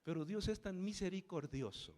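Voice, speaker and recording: A man preaching a sermon as an animated, dramatic storyteller who acts out the people in his story. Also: sits high, moderate pace.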